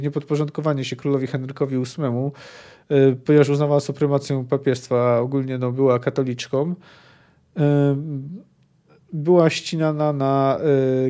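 A man hosting a book podcast who talks in a hesitant, digressive way, filling his pauses with many "e" sounds. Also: mid-range voice, dark tone. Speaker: podcast host.

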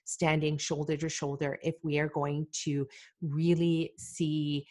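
Woman from malawi doing a solo podcast, pretty low voice, earnest, takes her time with ums and repeats. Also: a little mellow. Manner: earnest and deliberate, with fillers and repeated phrases. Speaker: podcast host.

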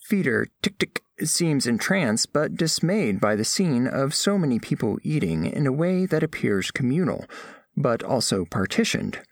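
This scripted first-person audio drama is narrated by a man cast as a formal, inquisitive alien scholar whose wording is precise and clinical, and whose mood is formal curiosity. His medium-pitched voice is very animated at a normal speed, captured as clean studio sound with no echo.

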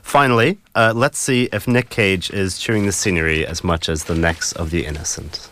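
A man's voice: sits low, steady tone, moderate pace, fairly bright tone, a little hiss or hum. A man hosting a film review show in a chatty presenting style.

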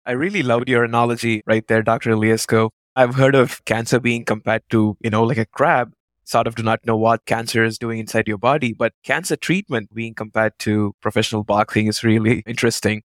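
A young man co-hosts a medical podcast, politely summing up and laying out a case step by step. His voice has a middling pitch, and the recording is dry and close with no echo. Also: fairly even intonation, fairly quick. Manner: appreciative, summarizing, presents case clearly. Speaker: podcast co-host, cardiology fellow. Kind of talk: podcast interview.

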